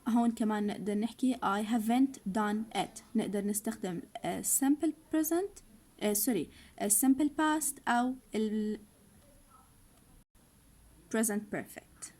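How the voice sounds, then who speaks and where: Woman teaching English slowly. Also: fairly high pitch, darkish tone. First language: Arabic. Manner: reads each English line slowly, then explains it in Arabic. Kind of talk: recorded online lesson.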